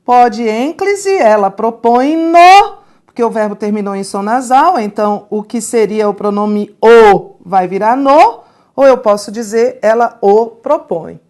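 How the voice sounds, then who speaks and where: Woman teacher, fairly high voice, slow and deliberate grammar lesson full of checking questions. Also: warm tone. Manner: slow, deliberate, asks the class rhetorical questions.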